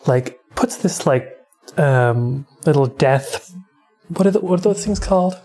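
Low-pitched, unhurried woman. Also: expressive, mellow, faint music behind. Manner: rambling, swears casually, lots of fillers. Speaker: podcast co-host. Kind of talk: casual recap of a film.

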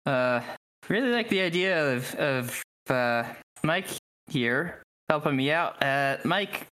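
A man's voice: a little high, expressive, slow pace, pushed and bright, a little hiss or hum, heavily acted. A man voicing an eager, naive young boy who rules a town, in a tabletop game, with a folksy drawl he has slipped into. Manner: folksy drawl picked up from another character.

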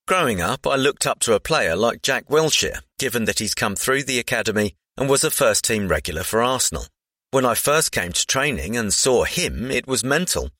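A man's voice: mid-range voice, fairly bright tone, no room sound, clean studio sound. A man reading a scripted profile aloud.

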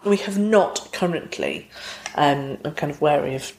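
A woman with a low voice explains her theatre work in casual interview talk. She is brisk and practical. The room around her rings with a noticeable echo. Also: lively intonation, creaky, darkish tone, slight background noise. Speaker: theatre company director.

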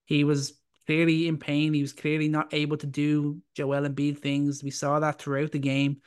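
Man with flat, steady voice. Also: fairly high pitch, normal speed, smooth. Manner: stammering starts, then firm opinions. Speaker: podcast co-host. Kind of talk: casual sports talk.

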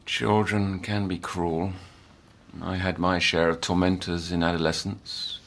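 A man playing a calm, probing counsellor in an audio drama. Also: sits low, a little slow, a little hiss or hum.

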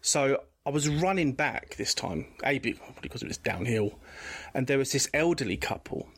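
A man's voice: mid-range voice, animated, moderate pace, fairly bright tone, breathy edge. A man, a podcast guest telling a personal story candidly, rambling with frequent restarts. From England.

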